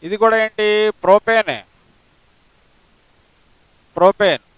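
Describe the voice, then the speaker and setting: A man's voice: high voice, takes it slowly, a bit bright, smooth, dry recording, rough recording. A male chemistry teacher, lecturing a class step by step and asking rhetorical questions. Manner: mixes English terms into his talk.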